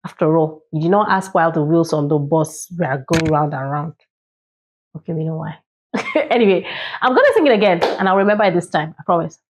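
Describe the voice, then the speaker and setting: A woman hosts a children's read-aloud, chatting playfully and speaking directly to her young audience. Her voice sits low and moves a little fast, captured in a low-quality recording.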